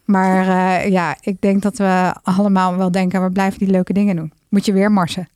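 A woman co-hosting a casual chat, talkative and quick to laugh. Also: mid-range voice, flat delivery, a little mellow, smooth, no room sound, clean studio sound. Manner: chatty, laughs easily. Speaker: co-host.

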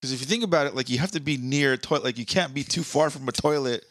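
A man's voice: medium pitch, fast, a bit bright, dry recording. A man co-hosting a podcast in casual chat, crude and laughing often, reading news stories aloud. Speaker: podcast co-host.

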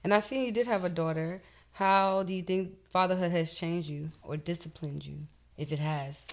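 A woman's voice: lowish voice, moderate pace. A woman hosting a podcast, asking questions in casual, slangy, informal chat. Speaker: podcast host.

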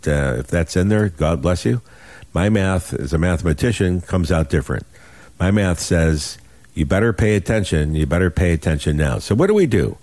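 A man in his sixties with a deep voice hosts a money show on radio. He sells in a folksy, urgent way, leaning on his points and repeating them. The sound is close and dry. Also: a little mellow, dry recording. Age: 60s. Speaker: financial radio show host. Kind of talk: radio sales pitch talk.

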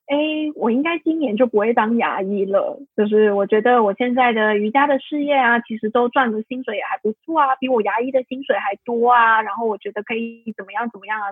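A woman's voice: a little high, breathy edge, dry recording. A woman, a podcast guest telling a personal story candidly, rambling with many fillers and self-corrections. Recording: tinny phone-like line, dry.

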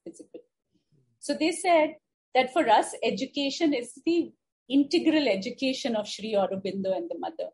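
Higher-voiced woman with educated Indian English accent. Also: normal speed, darkish tone. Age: middle-aged. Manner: emphatic, articulate, repeats words for stress. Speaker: interview guest, parent. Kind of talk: conversational interview answer, personal reflection.

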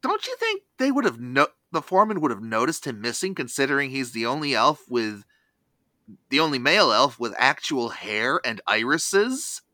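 Bright-voiced, animated man recapping a film. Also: mid-range voice, normal speed, no echo. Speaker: review show host. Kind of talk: scripted recap narration with asides.

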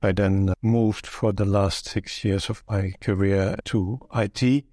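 An older Belgian man, Dutch being his first language, thoughtfully recalls his career as a guest in a relaxed conversational interview, frequently restarting his sentences. His lowish voice is steady, slow and dark in tone, recorded with studio quality and no room sound.

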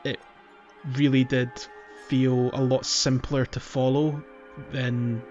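A man hosting a podcast talks slowly in a mid-range, a little mellow voice with little pitch movement, casually and hesitantly rambling about a video game as he thinks through it. Music sits underneath the slightly dull-sounding audio.

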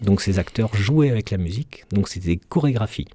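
Low, warm-voiced French sound engineer. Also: male voice, animated. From Marseille. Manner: passionate, halting. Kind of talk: interview.

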